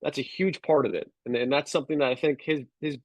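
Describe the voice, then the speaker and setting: A man talking sports as a podcast guest, measured and analytical, with frequent fillers and restarts. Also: fairly high pitch, fairly even intonation, no room sound, poor audio. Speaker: guest sports radio producer. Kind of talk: casual sports podcast chat.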